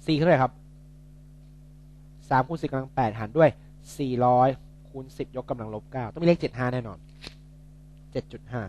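A man's voice: mid-range voice, brisk, pauses often, darkish tone, a little hiss or hum. A young man tutoring physics in a casual, chatty way, joking and correcting himself as he works through problems.

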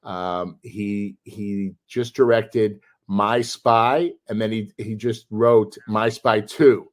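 A man appearing as a guest on a podcast from home, chatting casually and telling stories in an animated, excitable way. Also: lowish voice, slow pace. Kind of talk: casual chat.

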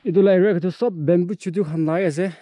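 A young Indian man, a hiking vlogger, casually narrates his walk through a mountain forest, pointing things out to an action camera held at arm's length. His voice is high-pitched, fast and mellow, with fairly even intonation and no echo.

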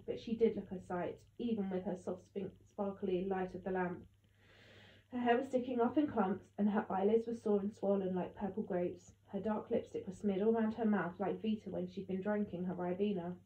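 A woman narrating an audiobook in the first person with steady storytelling. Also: medium pitch. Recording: echoey tinny phone-like sound.

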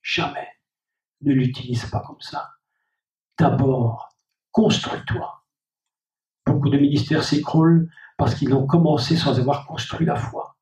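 A man's voice: a little high, steady tone, unhurried, long pauses, darkish tone. A man preaching a sermon as pastor, repeating key phrases and speaking directly to the congregation. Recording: dull, echoey hall recording from a distant mic.

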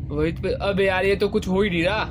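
A young man giving casual, excitable commentary while playing a horror game, swearing playfully and yelping high when scared. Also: a little fast, noisy background. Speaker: gaming YouTuber. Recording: game music loud behind voice. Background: horror game music.

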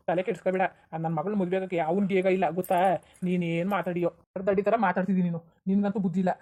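Woman voicing a fast-talking doting village father. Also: on the low side, mellow, dull audio, lightly acted. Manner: soothing, brushing off complaints. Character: indulgent village father, soothing and doting on his daughter. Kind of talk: cartoon voice acting.

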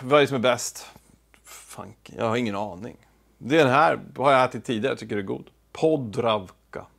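A man's voice: mid-range voice, vocal fry, fairly bright tone. A man hosting a casual home cooking video, talking to the camera while he cooks, with offhand, self-deprecating asides. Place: home kitchen.

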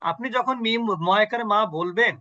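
A man's voice: high voice, moderate pace, muffled recording, a crowd in the background. A man teaching an online Quran recitation class on a video call, patiently quizzing his students and repeating sounds for them.

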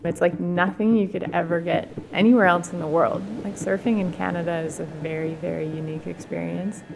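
A young woman photographer narrating her trip in a relaxed, thoughtful voice-over. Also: fairly low pitch, a little fast, creaky, background noise. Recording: voice-over with loud guitar music behind.

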